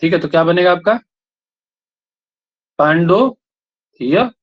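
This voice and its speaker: Male teacher, slightly high voice, drills students with repeated questions, dull lo-fi recording. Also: slow pace. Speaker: Sanskrit grammar teacher. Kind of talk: classroom lesson, questioning students. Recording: dull lo-fi sound.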